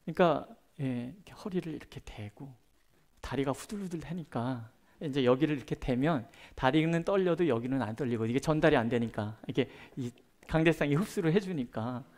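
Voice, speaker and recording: A middle-aged man preaching a prayer-meeting sermon as a pastor, chatting through personal stories and moving between loud emphasis and soft, hushed asides. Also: mid-range voice, a little fast. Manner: conversational, tells personal stories with gestures.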